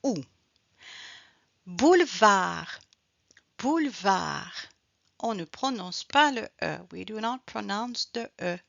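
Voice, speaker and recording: A woman teaching French pronunciation, repeating each sound and word slowly and explaining in both French and English. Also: medium pitch, gravelly, a bit bright, dry recording. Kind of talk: slow bilingual pronunciation lesson. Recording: dull, slightly lo-fi dry recording.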